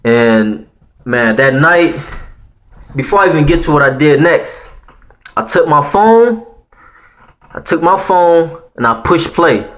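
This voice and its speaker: A Haitian man in his thirties, with a Haitian accent, tells viewers a personal story in a casual, slangy, profane way, peppering it with "man" and "you know what I'm saying." His voice sits on the high side and is a bit bright, with lively intonation, a slow pace and long pauses.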